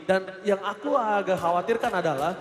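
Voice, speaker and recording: An Indonesian man giving emphatic, dramatic live play-by-play commentary on a mobile game match. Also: sits high. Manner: emphatic, dramatic delivery with drawn-out calls. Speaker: esports commentator. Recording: echoey hall, loud music behind. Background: music.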